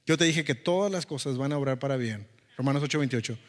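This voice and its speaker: A man preaching a personal testimony, telling the story in a lively way and acting out the dialogue. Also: medium pitch, quick pace, in a large hall. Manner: storytelling, animated, acts out dialogue. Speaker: pastor. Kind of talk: sermon testimony.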